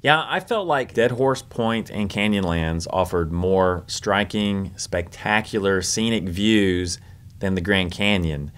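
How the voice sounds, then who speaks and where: A middle-aged man with a notably low voice talks through travel advice with a wry, understated humor. His commentary is relaxed and conversational. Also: takes it slowly. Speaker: travel vlog co-host. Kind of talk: scripted commentary with co-host.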